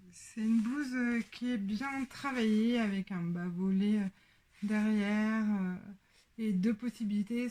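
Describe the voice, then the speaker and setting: A woman with a French accent hosting a casual sewing show-and-tell, talking with many pauses and fillers. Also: mid-range voice, dark tone. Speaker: sewing podcast host.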